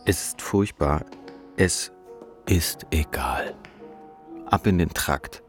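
A male actor with a low-pitched voice plays a despairing, sardonic narrator living through depression in a radio play. He speaks an introspective literary monologue slowly in clipped fragments, the mood one of bleak despair, with music in the background.

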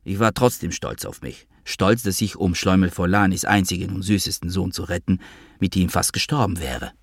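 Calm, low-voiced male audiobook narrator. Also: moderate pace, creaky, dry recording, clean studio sound. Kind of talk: literary first-person narration.

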